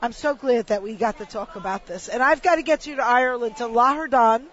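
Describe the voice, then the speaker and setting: A woman's voice: a little high, brisk, lo-fi sound. A woman hosting a radio travel show, speaking in an informative, friendly way.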